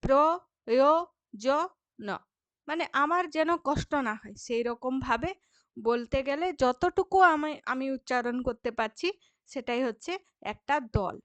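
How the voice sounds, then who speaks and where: Woman teacher, high voice, dry close sound, patient explainer who stretches words into syllables. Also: moderate pace, no echo. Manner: frequent checking fillers to students. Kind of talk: Bengali grammar lesson for school students.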